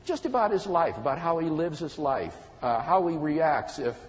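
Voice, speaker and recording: A man giving an earnest, measured talk on moral philosophy, illustrating his points with stories. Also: on the high side, lively intonation, in a large hall, rough recording. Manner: measured and earnest, storytelling examples. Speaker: speaker on philosophy. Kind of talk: explanatory talk.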